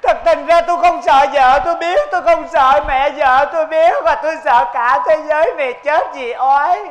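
Performer playing a freaked-out henpecked husband in a stage skit, high voice, yelps and pleads. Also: lively intonation, a little fast, pushed and bright, a little hiss or hum. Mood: outraged. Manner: flustered, yelping, pleading. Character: panicky henpecked husband being blackmailed. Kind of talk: stage comedy acting.

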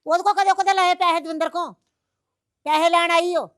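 Woman playing a village mother, scolding, very high voice, fast. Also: fairly even intonation, fairly bright tone, no echo, clean studio sound. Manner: scolding, rapid-fire questions. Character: sharp-tongued village mother scolding her son. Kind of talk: comedy skit acting.

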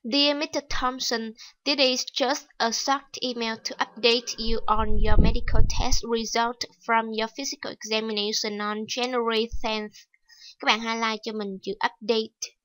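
A woman's voice: fairly high pitch, fairly bright tone, dry recording, rough recording. A woman teaching a TOEIC reading lesson, explaining step by step and repeating key words. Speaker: English teacher.

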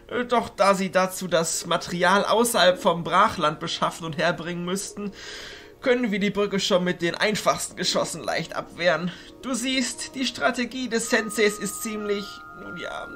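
In a fantasy audio drama, a man plays an elderly, authoritative arch-chancellor of illusionists, delivering his lines in a theatrical, deliberate way. His voice is high-pitched and a bit bright, and he sounds amused and dismissive.

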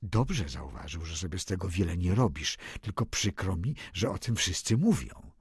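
Man reading as a hushed, confiding male friend. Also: low-pitched, lively intonation, moderate pace, slightly rough, no echo, studio quality, voice pushed down, exaggerated voice.

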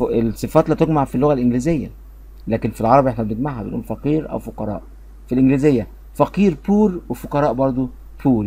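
A man with an Egyptian Arabic accent teaching a beginner English lesson, patiently explaining and slowly repeating short phrases for drilling. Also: medium pitch, mellow, slightly rough.

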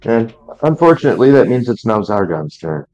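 A man playing a board game, relaxed and thinking aloud as he picks his moves. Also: mid-range voice, fairly quick, highs cut off, soft background music. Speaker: player. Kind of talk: casual game chat.

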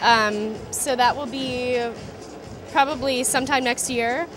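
Young woman designer with loud music behind. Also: sits high, unhurried. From Southern California. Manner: relaxed, filler-heavy, slightly trailing off. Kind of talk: casual interview at a trade show booth. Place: busy indoor trade show booth. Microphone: handheld interview mic.

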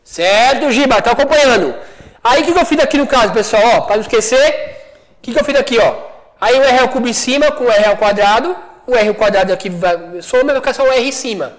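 A Brazilian man with a very high voice teaches a physics lesson from a studio classroom. He talks in a friendly, chatty way and keeps asking whether the students are following along. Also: quick pace, poor audio. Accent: Brazilian Portuguese.

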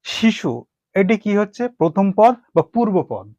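A man with a Bengali accent gives a grammar lesson in a fairly high voice. He repeats each term, poses questions and answers them himself. The recording is dry and somewhat muffled. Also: expressive, moderate pace, darkish tone, no echo. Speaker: grammar teacher.

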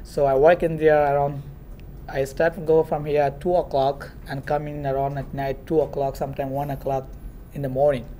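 A young man from Myanmar, a native Rohingya speaker, gives an earnest talk as a classroom guest speaker, filmed by a distant camera and telling stories with hand gestures. His voice is on the high side and mellow, with little pitch movement, at a normal speed, and the recording carries a little hiss or hum.

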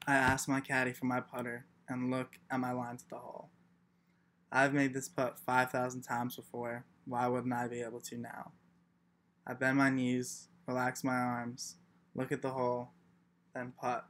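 A young man performing a reflective first-person monologue as a class performance, with a steady delivery and the odd throat clearing. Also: mid-range voice. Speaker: student performer.

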